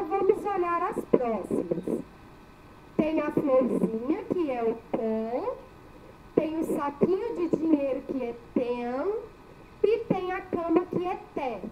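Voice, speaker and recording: A woman teacher giving a children's spelling lesson, sounding out syllables slowly and clearly in a sing-song way. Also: high voice, noisy background. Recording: thin phone-like audio.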